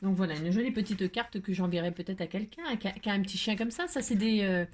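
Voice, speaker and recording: Brief: woman craft vlogger, mid-pitched, rambling, playful, casual chat. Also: fast. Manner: rambling, playful, chatty with frequent fillers.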